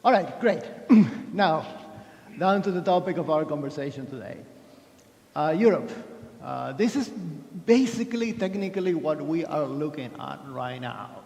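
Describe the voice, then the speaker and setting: A somewhat slow, expressive male voice, pitched on the high side, a little mellow and touched with vocal fry. He's from Argentina, giving a conference keynote that's chatty, self-deprecating and full of restarts, and the vast hall lends it a long, echoing reverb.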